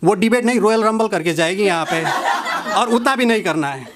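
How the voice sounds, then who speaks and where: A man's voice: sits high, animated, brisk, background noise. A man voicing a scheming male news editor who talks down to his junior reporter in a patronizing way. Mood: smug, scheming. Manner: patronizing, calls the junior "beta".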